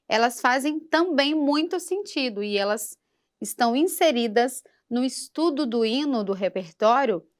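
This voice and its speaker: Slow, patient woman singing teacher. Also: on the high side. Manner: slow, patient instruction with sung demonstrations. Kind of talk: vocal lesson for a church program.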